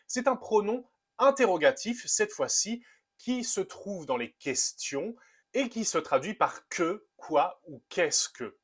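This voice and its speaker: A young man giving an upbeat language lesson, explaining clearly and reading his examples slowly. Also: on the high side, a bit bright. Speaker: Spanish teacher.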